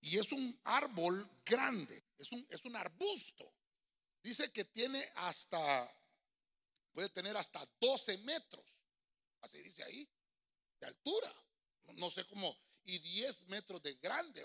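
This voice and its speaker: Lively gravelly preacher man. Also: sits high, measured pace. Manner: sings choruses, addresses listeners as brother. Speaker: pastor. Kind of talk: lively sermon with singing. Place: church.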